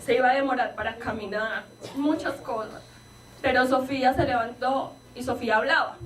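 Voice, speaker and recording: A woman's voice: sits high, steady tone, moderate pace, a crowd in the background. A woman pastor giving an earnest personal testimony from the pulpit, acting out the dialogue as she retells it. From Colombia. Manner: earnest storytelling, reenacts dialogue with rising emotion. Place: church hall with congregation. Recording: echoey church, voice from a distance, congregation around.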